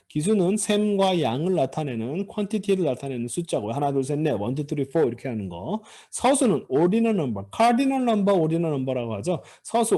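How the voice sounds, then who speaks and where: A man delivers a grammar lecture, explaining patiently and pausing on fillers as he works through each point. His voice is mellow and relaxed, sitting a little high for a man, and his pitch moves through a wide, animated range. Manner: explanatory, many fillers and restarts, pitch swinging widely. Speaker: Hebrew grammar teacher.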